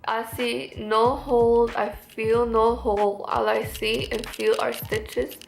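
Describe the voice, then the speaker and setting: Casting: young female vlogger, fresh from wisdom teeth surgery, stiff restrained mouth, higher creaky voice, casual recounting, faint music underneath. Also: level tone, takes it slowly. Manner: talking stiffly after wisdom teeth surgery, unable to smile.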